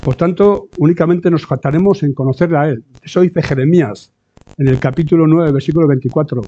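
A man delivers a sermon in a conversational way, his voice pitched a little high yet mellow in tone. He keeps asking his listeners short tag questions and now and then acts out the voices of the people he quotes. The recording sounds dull and lo-fi. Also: brisk. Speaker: preacher.

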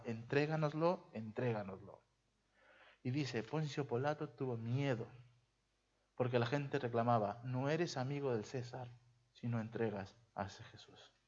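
A man preaching a sermon to a congregation, dramatic and full of rhetorical questions, his loudness rising and dropping sharply. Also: mid-range voice, breathy edge. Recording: dull lo-fi recording.

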